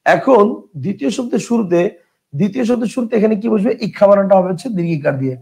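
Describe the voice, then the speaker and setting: Male tutor, high and gravelly, explains step by step with questions. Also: expressive, dark tone. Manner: drawls example words slowly, mixes in English words. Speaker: teacher. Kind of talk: Bengali grammar lesson.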